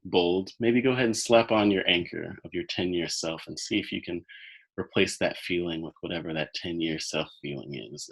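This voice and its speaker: A man coaching listeners through a guided visualization, speaking slowly and soothingly, with soft trailing phrase ends. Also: sits low, creaky, breathy edge, low-quality recording.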